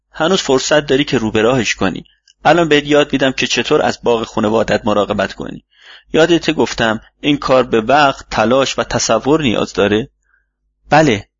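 Patient fatherly mentor read by a man, husky voice, dull dry recording. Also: mid-range voice. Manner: calm, instructive, fatherly. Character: wise older male mentor gardener, patient. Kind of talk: audiobook reading.

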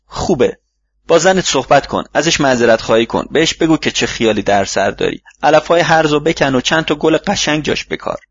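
A man voicing a wise older male mentor in an audiobook, speaking calmly and instructively like a father. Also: fairly high pitch, husky, no room sound, voice pushed up. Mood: advising. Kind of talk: audiobook reading. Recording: dull lo-fi recording.

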